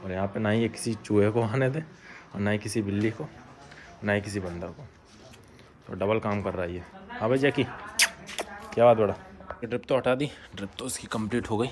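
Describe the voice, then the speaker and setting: Crowd noise fills the background as a man, a dog shelter caretaker, chats his way through a vlog of the outdoor yard where he tends dogs, frequently calling to them. The yard belongs to a home still under construction, and his lowish voice moves a little fast.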